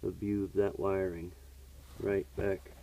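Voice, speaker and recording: A man explaining a furnace repair while he works, his voice low and unhurried with little rise and fall. He talks in a practical, matter-of-fact way, full of little fillers. The handheld camera audio carries a clear layer of noise behind him. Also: little pitch movement, dark tone, poor audio. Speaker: HVAC technician. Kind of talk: hands-on repair tutorial. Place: basement furnace area and workshop floor. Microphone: camera held by the speaker while working.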